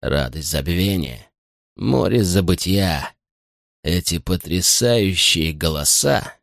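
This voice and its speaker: Sinister drunken butler, slow and hushed, low-pitched menace, voiced by a male reader. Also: sing-song, vocal fry, no echo, clean studio sound, exaggerated voice. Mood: menacing. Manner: very slow, deliberate, quiet and low.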